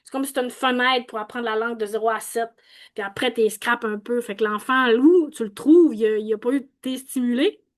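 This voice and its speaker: A woman's voice: fairly high pitch, a little fast. A young woman with a Quebec French accent, casually explaining vowel sounds and thinking aloud as she goes, with many restarts and fillers. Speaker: host explaining phonetics.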